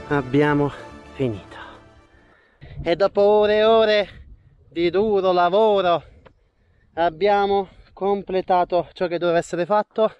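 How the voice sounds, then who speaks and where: A chatty, upbeat man talks straight to his viewers, his voice sitting a touch higher than most men's. He films himself on a wide-angle action camera around a farm plot, with faint music under his talk. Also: a little mellow, clean tone. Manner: enthusiastic, chatty, addresses viewers as "raga". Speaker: vlogger farming in the countryside. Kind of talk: casual vlog talk to camera. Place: outdoors on a farm plot and in a small rural room. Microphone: wide-angle action camera held or worn.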